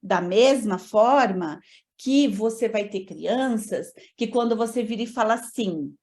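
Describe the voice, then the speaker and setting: A woman's voice: on the high side, a little slow, darkish tone. A woman teaching a training lecture on learning disorders, explaining in a didactic way and putting rhetorical questions to her audience.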